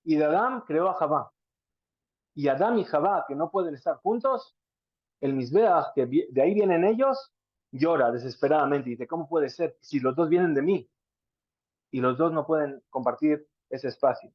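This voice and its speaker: A man with a fairly high voice teaches a Talmud class, often posing rhetorical questions and glossing Hebrew words. The sound is dry and somewhat dull and lo-fi, close with no room. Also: animated, normal speed, dry recording. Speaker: Torah teacher.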